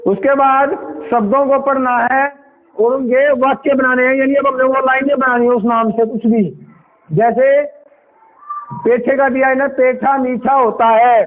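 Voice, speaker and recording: A male primary school teacher gives a Hindi lesson in a classroom. He speaks patiently and coaxingly, repeating words and sounding them out slowly for the children. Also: very high-pitched, steady tone. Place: village government school classroom. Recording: tinny phone-like sound with faint noise.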